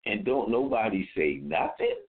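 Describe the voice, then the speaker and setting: A man's voice: lowish voice, big pitch swings, normal speed, husky. A man hosting a radio show, talking in a laid-back, slangy way. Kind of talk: casual radio talk. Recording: narrow phone-like sound.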